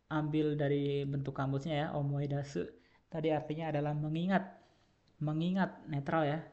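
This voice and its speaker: A man's voice: a little high, darkish tone. Guy teaching japanese verb forms, says everything twice, lots of uhs, kinda dull lo-fi sound. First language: Indonesian. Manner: patient, repeats each word, many filler "eh"s. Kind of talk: whiteboard grammar lesson. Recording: dull lo-fi recording.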